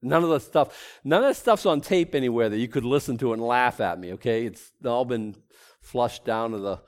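Speaking in a mid-range voice at an ordinary pace, a middle-aged Boston-accented pastor gives a conversational Bible-teaching sermon. He rambles, pokes fun at himself, and keeps starting sentences over.

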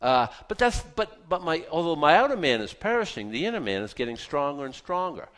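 A pastor in his fifties preaches a conversational Bible-teaching sermon to his congregation, folksy, with joking asides and rhetorical questions he answers himself. His voice sits on the high side, sing-song and fairly bright, and he talks fairly quickly.

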